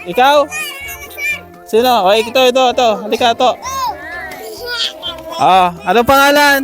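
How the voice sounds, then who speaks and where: A man hosting games for schoolchildren outdoors, coaxing and counting down with animated energy. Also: very high-pitched, normal speed, over music. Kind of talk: lively outdoor game hosting.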